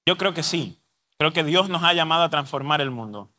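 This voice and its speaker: A man's voice: fairly high pitch, expressive, fairly quick, sharp tone. A man preaching a sermon at a youth congress, telling a story and acting out the voices of the people in it. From Colombia. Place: church congress hall.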